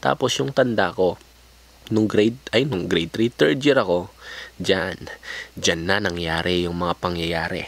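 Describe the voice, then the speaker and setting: A man's voice: low voice, a little slow, vocal fry, pauses often. A young man from the Philippines telling his life story over drawings in a crude, joking way, swearing a lot and slipping into English slang. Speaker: vlogger.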